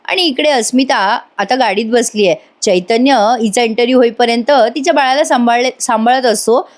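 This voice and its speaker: A woman's voice: fairly high pitch, fairly quick, a little mellow. Chatty woman recapping a TV serial. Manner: chatty, addresses viewers directly. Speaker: serial episode reviewer. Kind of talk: voice-over episode recap.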